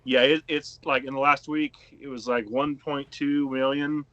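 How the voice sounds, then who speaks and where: A man co-hosting a band's podcast, chatting casually with excitable bursts and easy laughter. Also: mid-range voice, moderate pace, no echo, highs cut off. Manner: excitable, loud outbursts and laughter. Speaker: podcast co-host, band member. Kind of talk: casual chat.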